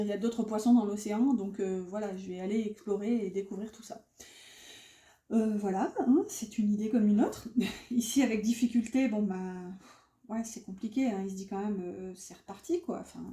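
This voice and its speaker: A woman's voice: medium pitch, dark tone, echoey room. A woman giving a casual tarot reading, chatty and full of fillers and restarts. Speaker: tarot card reader.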